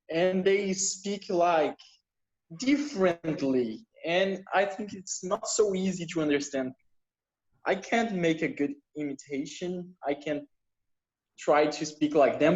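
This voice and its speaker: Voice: medium pitch, a little mellow. Hesitant speaker, searches for words, video call, roomy echo, dull lo-fi. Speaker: meeting participant. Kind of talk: casual online group chat.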